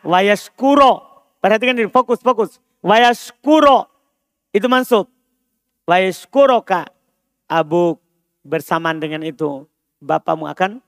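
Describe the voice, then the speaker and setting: A man's voice: high-pitched, fairly bright tone, dry recording, clean studio sound. A man teaching an Arabic grammar class at a mosque, repeating terms, translating them and quizzing his students. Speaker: Islamic religious teacher.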